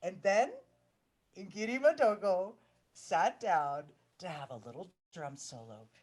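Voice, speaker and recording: A woman telling a children's story with dramatic hushes and swells. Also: lowish voice, animated, slow pace.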